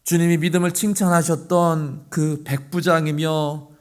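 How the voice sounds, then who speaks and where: A male pastor preaching a sermon, acting out quoted voices and dropping to hushed tones. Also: a little high, flat delivery, normal speed.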